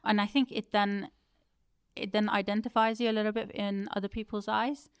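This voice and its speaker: She talks at a moderate pace with medium pitch and little pitch movement; her tone is clean and the studio sound has no room noise. The speaker, a woman in her thirties who was born in Turkey and grew up in the UK, is a thoughtful guest in a reflective interview, often stopping to correct herself.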